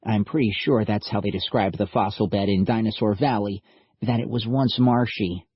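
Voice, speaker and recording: A man's voice: lowish voice, fairly even intonation, normal speed, husky, no room sound. A man reading a patient know-it-all scientist. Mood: lecturing. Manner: explanatory, lecturing. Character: nerdy male scientist, patient, a bit patronizing. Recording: dull lo-fi audiobook recording.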